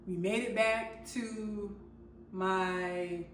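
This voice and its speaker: A woman vlogger telling a personal story in a halting way, with many fillers and restarts. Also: medium pitch, fairly even intonation, slight background noise. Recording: roomy sound from a distant mic.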